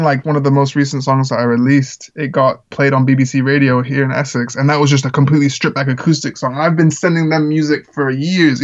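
On a muffled recording, a musician guest who grew up in the Czech Republic talks in a mid-range voice. The interview is casual, and he speaks earnestly, wandering off on tangents with frequent fillers.

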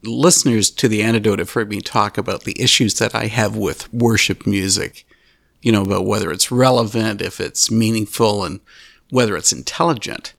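Gravelly-voiced male show host. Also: lowish voice, fairly even intonation, moderate pace, a bit bright, no room sound, studio quality. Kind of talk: scripted introduction and interview.

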